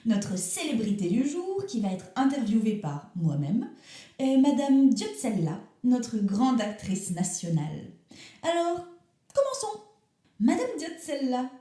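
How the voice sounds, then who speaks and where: An earnest young radio interviewer, played by a woman in a comic radio sketch. She asks her questions in a mock-formal, teasing manner. Her tone is mellow and the recording is roomy. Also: on the high side, sing-song, measured pace.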